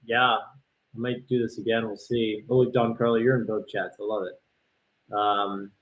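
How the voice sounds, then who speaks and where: A man, casually reacting live to a game and chatting with viewers, bursting into loud exclamations. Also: lowish voice, unhurried. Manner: excitable, exclaims loudly at plays then chats calmly with viewers. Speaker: livestream host reacting to an ultimate frisbee game. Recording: dull lo-fi stream audio.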